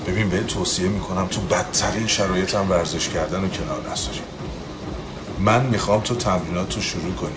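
A man's voice: low-pitched, very noisy, lightly acted. An actor playing a persuasive male fitness coach in a film drama. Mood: coaxing. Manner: coaxing, persuasive. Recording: film soundtrack under loud music.

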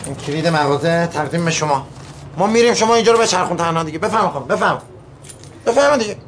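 An actor playing a smooth-talking, evasive middle-aged merchant who rambles on persuasively and talks down to a partner. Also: male voice, a little high, lively intonation, slight background noise, natural voice. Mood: glib. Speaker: shopkeeper and trader.

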